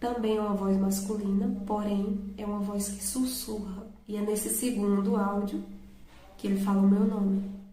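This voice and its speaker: A woman's voice: mid-range voice, level tone, moderate pace, dark tone, reverberant, poor audio. A woman earnestly telling her viewers a personal faith testimony, awed and direct. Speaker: testimony vlogger.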